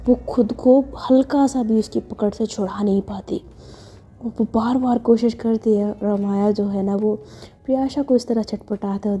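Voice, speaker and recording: A woman's voice: mid-range voice, dark tone, slightly rough. A woman narrating a romance story in a chatty, conversational retelling style. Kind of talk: casual spoken story narration.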